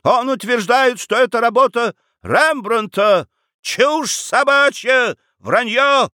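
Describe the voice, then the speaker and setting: A hot-headed nineteen-year-old male cornet, touchy and quick to anger, complaining in a high, strained voice full of indignation, as a man reads him aloud. His pitch leaps up and down with every grievance, and the reading is close and dry. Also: big pitch swings, gravelly, a bit bright, husky, no room sound, heavily acted. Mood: furious. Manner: shrill, indignant outbursts.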